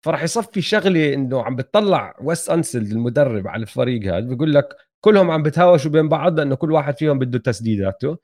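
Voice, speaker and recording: Male co-host for casual sports talk, Palestinian-Jordanian Levantine accent, medium pitch, brisk pace. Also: lively intonation, a little mellow. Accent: Palestinian-Jordanian Levantine Arabic.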